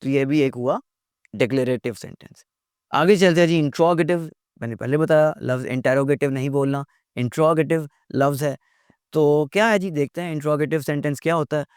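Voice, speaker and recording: Man, English teacher, rhetorical questions, slow example sentences, slightly high voice, dry close sound. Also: a little mellow, clear, resonant tone, no echo. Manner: asks rhetorical questions and repeats points, reads English examples slowly. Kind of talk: recorded lecture.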